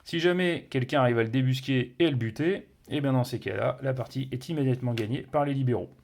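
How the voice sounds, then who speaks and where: A man's voice: mid-range voice, fast, gravelly, darkish tone. A man reviewing a board game, explaining its rules casually with many fillers, restarts and playful sound words. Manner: hesitant, many fillers and self-corrections.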